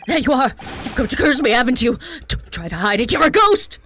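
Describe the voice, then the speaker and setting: A woman voicing an excitable, melodramatic young male student prisoner in a video game, speaking in florid, theatrical phrases. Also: fairly high pitch, moderate pace, pitched above the performer's own voice, close to an everyday voice. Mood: accusing, panicked.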